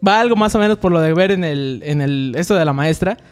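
Fast-talking young Mexican man, high voice. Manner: rambling storytelling with slang. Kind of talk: casual chat.

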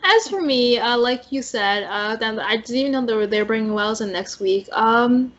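Easygoing woman host, slightly high voice. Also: expressive, moderate pace, fairly bright tone, highs cut off. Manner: easygoing, hedging with fillers. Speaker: podcast host. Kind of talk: casual TV recap chat.

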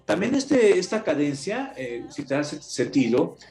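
A man, an announcer and storyteller, explaining as an interview guest in an expressive way. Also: fairly high pitch. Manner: expressive, acts out examples with drawn-out cadence. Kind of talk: explanatory conversation. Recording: roomy echo.

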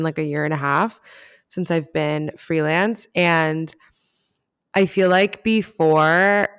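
A woman's voice: fairly low pitch, a bit bright, clean tone. A woman from Miami, a writer and podcast guest, chatting casually with rambling asides. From Miami, United States. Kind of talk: casual interview chat.

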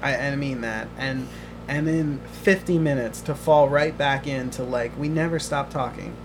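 A man hosting a podcast in casual chat, emotional and halting, often restarting his words. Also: medium pitch, noisy background. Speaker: podcast host.

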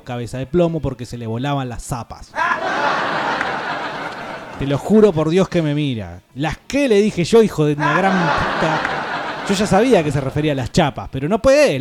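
Argentine male radio host, rambling jokey delivery, slightly raised pitch. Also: a little mellow. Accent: Argentine Spanish. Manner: joking, rambling, swears freely. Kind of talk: casual radio banter.

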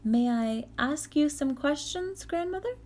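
A timid young girl with a raised, pleading voice, put on by a woman storyteller. She asks everything gently and politely, worried but courteous. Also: high-pitched, animated, measured pace, pitched above the performer's own voice.

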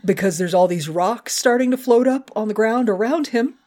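Animated woman co-hosting a podcast. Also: a little high, normal speed. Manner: animated, profane and joking. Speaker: podcast co-host. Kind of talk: casual chat recapping a cartoon episode.

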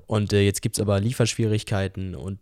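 A man co-hosting a casual podcast, talking calmly and thoughtfully with frequent small fillers. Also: on the low side, brisk, no room sound, studio quality. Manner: calm, reflective, with "äh" fillers. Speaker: podcast co-host.

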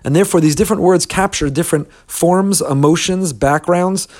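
A middle-aged rabbi gives an audio lesson on prayer, explaining earnestly, posing rhetorical questions and using Hebrew terms. His voice is high-pitched with a darkish tone, at normal speed.

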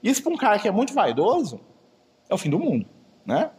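A man's voice: high voice, huge pitch swings, fairly quick, a little mellow. A man with a chatty manner, giving an informal Bible study lecture. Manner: chatty, keeps asking "né?". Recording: long hall reverb.

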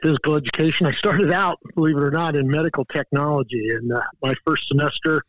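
A man's voice: a little high, quick pace, a bit bright, no echo, muffled recording. Folksy older man from Indiana. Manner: folksy, rambling, many fillers. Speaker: guest coach. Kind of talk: casual storytelling.

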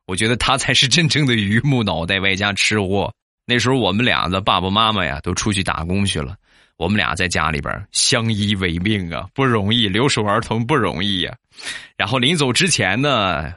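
Recorded cleanly in a studio without echo, a low, sharp-voiced man from Shandong, China narrates comic stories from his own life. He chats along and frequently invites listeners to agree.

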